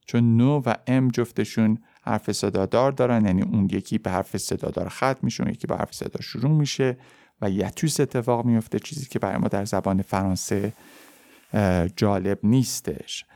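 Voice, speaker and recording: Low, mellow-voiced man teaching French. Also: no echo. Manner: explains in Persian, then repeats French forms slowly and clearly. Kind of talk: podcast language lesson.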